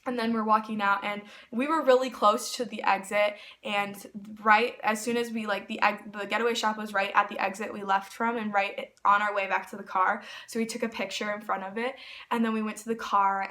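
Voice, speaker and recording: Bright-voiced excitable young woman rambling. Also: medium pitch. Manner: rambling, excitable, heavy use of "like". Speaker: vlogger. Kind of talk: casual storytelling.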